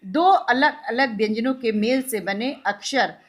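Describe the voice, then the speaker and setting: A school teacher with an Indian accent speaks in a slightly high, unhurried voice, giving a recorded lesson to young pupils. She patiently repeats and sounds out examples, answering her own questions along the way.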